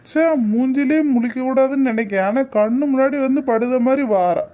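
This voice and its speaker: A man's voice: extremely high pitch, fairly quick. Cartoon: a resentful young man, angry and cold, dull lo-fi recording. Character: bitter young village man, disowning his mother.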